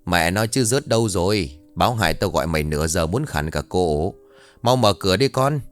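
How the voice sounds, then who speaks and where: A man doing a gruff, blunt older uncle. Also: low-pitched, expressive, brisk, soft background music.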